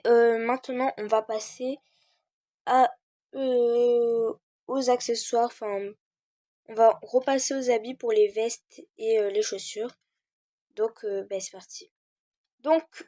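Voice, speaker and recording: Teen girl, casual tutorial host, slow and hesitant, mellow voice, dry close mic. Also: fairly high pitch, no echo. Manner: hesitant, many "euh" fillers, talks while searching. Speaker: game tutorial creator. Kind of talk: casual screen-recorded tutorial.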